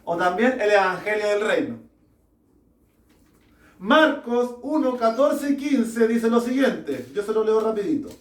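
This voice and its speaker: A man preaching a sermon to a small congregation, slow and deliberate, putting rhetorical questions to his listeners. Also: high voice, expressive. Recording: echoey room, mic far off.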